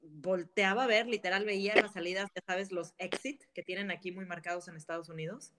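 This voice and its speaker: A woman's voice: on the low side, a little fast. Candid woman telling stories. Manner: candid, animated storyteller who laughs often. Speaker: guest. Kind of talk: casual storytelling in an interview.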